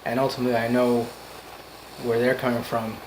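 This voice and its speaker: A man giving an off-the-cuff motivational monologue, earnest and emphatic, in halting phrases that repeat for emphasis. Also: medium pitch, monotone, darkish tone, slight background noise, rough recording. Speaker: amateur motivational speaker.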